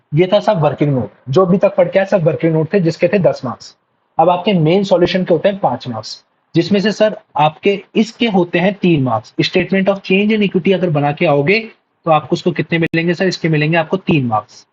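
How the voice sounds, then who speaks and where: Male accounts teacher, revision lecture, fairly high voice, dull lo-fi sound, repeats points, answers his own checks. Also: a little mellow, slightly rough. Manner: asks rhetorical checks and answers himself, "yes sir"; repeats key points, addresses students as sir.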